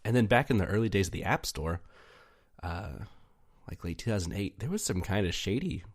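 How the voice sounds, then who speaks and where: A man's voice: on the low side, lively intonation, a little fast. A young man co-hosting a podcast, chatting casually in a rambling way with frequent fillers and laughs. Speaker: podcast co-host. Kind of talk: casual chat.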